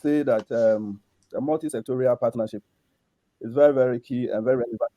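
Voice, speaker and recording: A man's voice: medium pitch, dry recording, muffled recording. Man on a choppy, breaking-up video call. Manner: halting, repeats phrases to get through. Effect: choppy video call that keeps breaking up. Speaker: conference panelist on health policy. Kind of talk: remote panel remarks.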